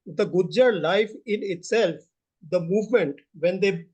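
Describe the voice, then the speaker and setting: Male talk-show host, middle-aged, Indian accent, high-pitched, effusive, repetitive casual phrasing. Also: a little slow, a little mellow, husky. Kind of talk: casual conversational interview.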